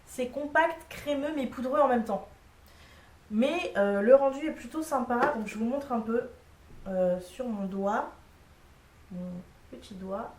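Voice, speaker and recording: A woman's voice: fairly high pitch, unhurried, darkish tone, far from the mic. A young woman casually reviewing makeup products, chatty and frank, with lots of fillers. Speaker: beauty vlogger. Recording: echoey room, a bit off-mic.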